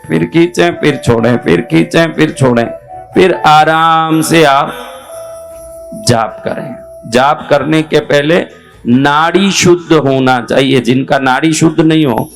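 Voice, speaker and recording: A man giving slow spiritual instruction, repeating key phrases and asking his listeners rhetorical questions. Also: on the high side. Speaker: spiritual teacher. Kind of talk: spoken religious instruction. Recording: faint music behind.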